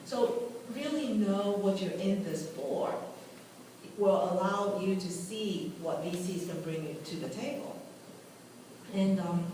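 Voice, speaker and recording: A woman's voice: on the low side, a little mellow, slight background noise. A woman from Taiwan and Gambia, a venture capital partner giving a candid talk to a live audience, laughing at her own asides. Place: meeting room at a tech club. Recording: echoey room, mic far off.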